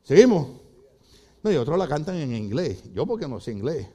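Puerto Rican pastor, older man, animated comic sermon, bright high voice full of swings. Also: normal speed. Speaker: preacher. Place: church.

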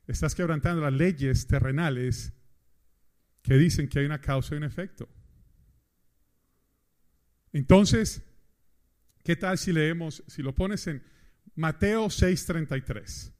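A man from Colombia preaching to a congregation, speaking straight to them. His voice sits fairly high, and his delivery is lively and animated. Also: a little slow, pauses often. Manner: animated, addresses the congregation directly. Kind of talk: sermon.

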